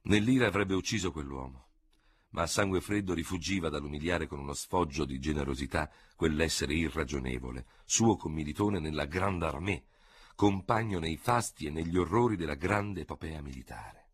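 A man's voice: very deep voice, normal speed, slightly rough, no echo. A man reading a novel aloud as a radio audiobook narrator, composed and dramatic.

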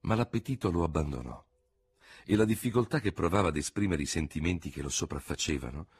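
A man reading a novel aloud as an audiobook narrator, slow and dramatic. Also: sits low, animated, breathy edge. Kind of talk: scripted narration.

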